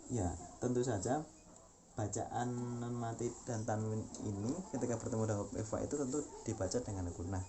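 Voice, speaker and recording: A man's voice: on the low side, fairly even intonation, fairly quick, noisy background. A man teaching a Quran recitation lesson, explaining patiently and chanting examples several times. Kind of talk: tajwid lesson.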